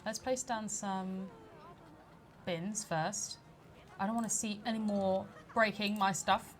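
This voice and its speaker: A chatty woman talks her way through a park-building game, laughing easily and scolding the little guests in mock outrage. Her voice sits at an ordinary middle pitch. A faint room hum sits under her talk. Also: fairly even intonation, takes it slowly. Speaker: community manager streaming a game. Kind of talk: casual let's play commentary.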